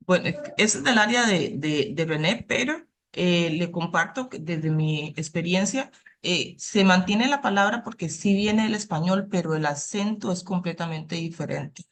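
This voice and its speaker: A woman's voice: on the low side, expressive, moderate pace, hardly any pauses, a little hiss or hum. A woman answering audience questions in an academic online talk, friendly and polite. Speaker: presenter on the creole translation.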